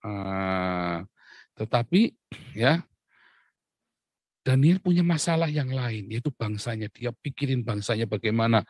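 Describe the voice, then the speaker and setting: A man's voice: medium pitch, no room sound. Guy preaching casually, lots of "ya kan?" style questions, dry close sound. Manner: lively preaching with rhetorical questions and chuckles. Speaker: pastor. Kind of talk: casual sermon.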